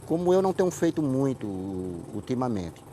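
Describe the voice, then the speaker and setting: Speaking warmly in a sing-song, medium-pitched voice at a normal pace, this interview guest is a writer and playwright from Paraíba, in Brazil's Northeast, with that region's accent. He tells stories conversationally and keeps repeating words for emphasis, over a slight hiss or hum.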